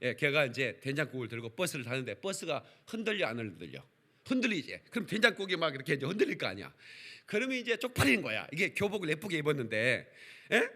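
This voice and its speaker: A male pastor preaching at a church service, his pitch rising and dropping widely as he tells a story. His voice sits high and bright for a man. He keeps the congregation engaged with calls for responses. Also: fast. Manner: animated, calls for congregation responses, acts out quotes. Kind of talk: lively revival sermon with storytelling.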